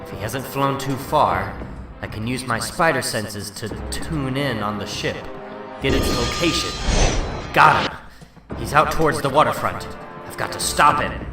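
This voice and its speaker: A man's voice: medium pitch, measured pace, close to an everyday voice. A man voicing a determined, wisecracking superhero who thinks aloud in a dramatic comic-book reading. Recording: roomy, distant mic, loud music underneath.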